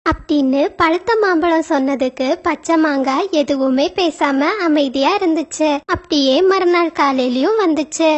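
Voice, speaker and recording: A woman narrating a cartoon story for children in a steady storytelling manner. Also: high-pitched, moderate pace, few pauses.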